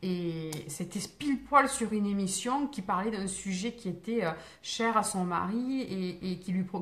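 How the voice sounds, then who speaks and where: A woman with a mid-range voice hosts a live stream as a spiritual medium, chatting casually and replying to viewer comments in a reassuring tone. She's full of fillers, restarts and digressions, and she's recorded on a phone microphone.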